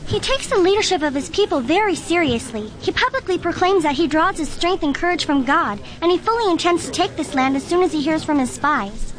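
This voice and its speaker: Very high-voiced eager field reporter. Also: female voice, lively intonation, fairly quick, hardly any pauses. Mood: composed. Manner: crisp, formal news delivery. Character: eager, composed female field news reporter. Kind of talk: mock news report in children's radio drama. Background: army camp crowd.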